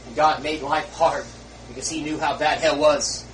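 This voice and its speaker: A male preacher giving a fiery sermon, swinging from low murmurs to loud shouts. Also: steady tone, moderate pace, a little hiss or hum. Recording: roomy, far from the mic, faint ambience.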